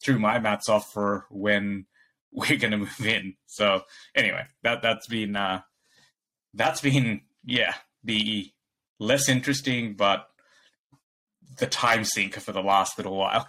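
A man's voice: fairly low pitch, fairly even intonation, takes it slowly, sharp tone. A young man from Bangladesh, co-hosting a podcast in casual chat, rambling and laughing often as he acts out quoted dialogue. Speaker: podcast co-host.

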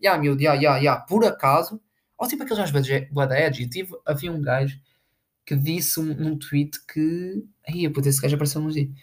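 A young woman with a European Portuguese accent rants to her followers in a loose, profane monologue. Her voice sits low for a woman, and she is sarcastic and keeps wandering off her point. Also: normal speed. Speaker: content creator. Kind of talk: casual commentary rant.

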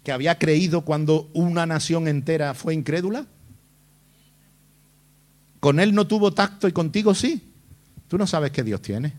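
A man's voice: on the high side, normal speed, pauses often. A male pastor preaching a sermon, hitting hard with rhetorical questions and mocking whiny voices to make his point. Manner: emphatic, fires rhetorical questions at the congregation.

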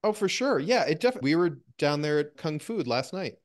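A man's voice: on the high side, very animated, normal speed. A man from the Cincinnati area hosting a podcast, easygoing, mostly giving short agreeing replies. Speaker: podcast host. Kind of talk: casual podcast chat.

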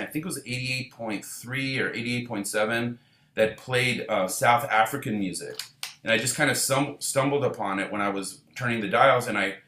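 A man's voice: medium pitch, echoey room. A man from Israel who leads a band, talking at length in a casual interview with many fillers and restarts. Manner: relaxed, rambling, many fillers. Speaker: band leader.

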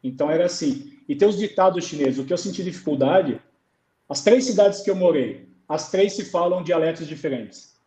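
A Brazilian man, a goalkeeper coach, recounting his experiences in a relaxed interview, acting out dialogue as he tells stories. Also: on the high side, fairly quick, roomy sound, rough recording. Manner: storytelling, acts out dialogue. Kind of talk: conversational interview on a live stream.

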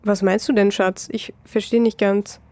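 A woman voicing a worried mother who speaks calmly to her daughter in an audio story. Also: medium pitch, normal speed, no echo, natural voice. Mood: soothing. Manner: calm, soothing. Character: worried mother hiding her fear, gentle.

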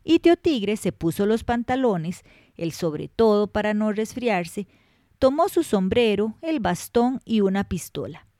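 A woman who hosts and narrates children's stories in an expressive storytelling manner. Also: mid-range voice, unhurried, no echo, clean studio sound. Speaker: storyteller host.

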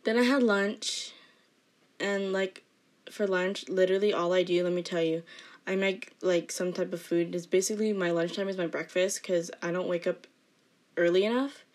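A teenage girl chatting casually in a vlog, rambling with lots of fillers in a fairly monotone way. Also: lowish voice, normal speed. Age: teens. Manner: rambling, filler-heavy talk with frequent "like"; self-described monotone delivery. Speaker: student vlogger.

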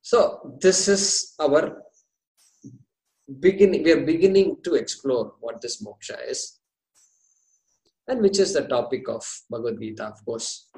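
A man with an Indian accent giving an explanatory religious discourse, deliberate and repeating key phrases for emphasis. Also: on the high side, animated, a little mellow, slight background noise. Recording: echoey room.

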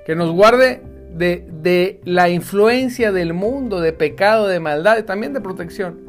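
A Bible teacher, giving devotional teaching in an animated, conversational and emphatic way. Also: mid-range voice, measured pace, faint music behind.

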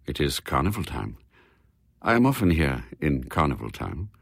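A man voicing a calm, mysterious gentleman who speaks in a measured, understated way in a storybook reading. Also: extremely low pitch, vocal fry, breathy edge, dry recording, clean studio sound, pitched below the performer's own voice, full character voice.

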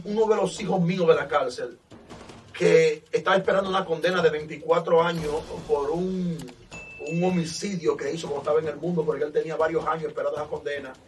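A man, a pastor, giving an impassioned testimony that swings from loud exclamations to hushed storytelling. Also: a little high, recorded from a distance. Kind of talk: fervent preaching testimony.

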